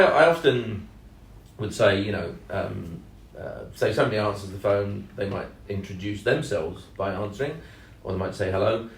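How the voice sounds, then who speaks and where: A man co-hosting a casual podcast, speaking in a measured, hesitant way with many ums and leaning hard on key words. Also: fairly low pitch, gravelly, slight background noise. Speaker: podcast co-host and sales trainer. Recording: roomy echo, mic at a distance.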